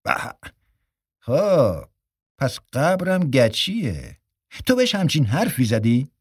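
A man's voice: medium pitch, big pitch swings, dry recording. Narrator doing a fed-up sarcastic guy, grumbly, dry close sound. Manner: exasperated, sarcastic, exclaiming. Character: exasperated man, sarcastic and grumbling. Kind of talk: audiobook character reading.

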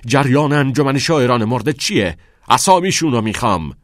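A man's voice: very deep voice, husky, no room sound, clean studio sound, exaggerated voice. A man voicing a cold, stern middle-aged headmaster who gives clipped, threatening commands in an audiobook. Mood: shouting. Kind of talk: audiobook character voice.

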